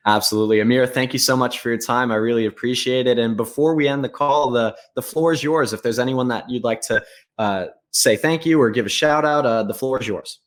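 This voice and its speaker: A man leads an interview over a call, asking long, polite questions at a measured pace. He fills small gaps with "uh". His voice sits at an ordinary middle pitch.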